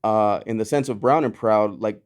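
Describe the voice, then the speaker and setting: A Mexican-born man with a lowish voice speaks at a moderate pace as a podcast guest. The founder of a clothing brand, he chats loosely and rambles, using lots of "you know" and "like" and frequently restarting his sentences.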